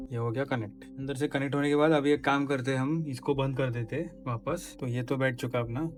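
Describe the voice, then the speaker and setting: A motorcycle vlogger with a mid-range, darkish voice casually walks through a hands-on installation step by step, offering practical tips as he works.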